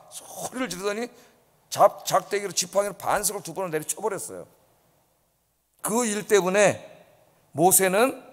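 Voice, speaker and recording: High-voiced male pastor preaching in a reverberant church. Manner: emphatic preaching, rhetorical questions to the congregation. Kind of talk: sermon. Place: church sanctuary.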